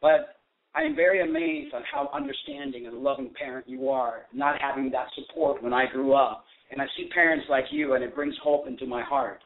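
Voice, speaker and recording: A radio host whose first language isn't English runs a call-in show in English, earnestly praising his guest and reading prepared questions. His mid-range voice is gravelly, expressive, and fairly quick, and the audio has a lo-fi, phone-like sound.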